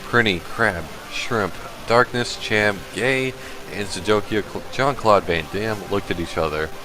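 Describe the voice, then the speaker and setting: Slow, low-voiced deadpan male reader. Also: over music. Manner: slow, halting, deadpan reading broken by laughter. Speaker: stream host reading a fan fiction aloud. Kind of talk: comedic dramatic reading.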